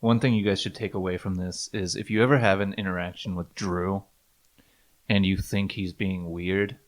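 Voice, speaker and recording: A man's voice: low-pitched, little pitch movement, normal speed. A man co-hosting a casual podcast, trading dry, easygoing jokes. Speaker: podcast co-host.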